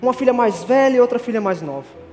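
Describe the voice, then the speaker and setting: High-voiced earnest male preacher. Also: animated, fast talker, darkish tone. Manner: earnest, emphatic storytelling. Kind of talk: sermon. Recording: long reverb, faint music.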